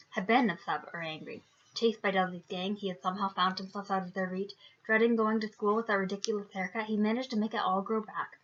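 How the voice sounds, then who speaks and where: Woman podcast host: bright, forceful read-aloud voice, lively laughing banter, lo-fi sound. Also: mid-range voice. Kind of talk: storybook read-aloud and casual chat. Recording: dull lo-fi recording.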